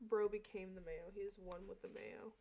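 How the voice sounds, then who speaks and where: Young woman streamer host, mid-pitched, casual and teasing. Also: fairly even intonation, fairly quick, warm tone, a little hiss or hum. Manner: teasing, laughing, playfully threatening. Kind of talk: casual chat.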